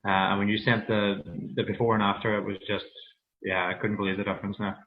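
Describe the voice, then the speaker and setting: A man with a Donegal Irish accent, speaking candidly and haltingly as a guest in a casual interview. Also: fairly low pitch, little pitch movement. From Donegal, Ireland. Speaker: interview guest, fitness programme client. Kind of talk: casual personal interview on a livestream. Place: online video meeting. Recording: muffled, lo-fi video call audio.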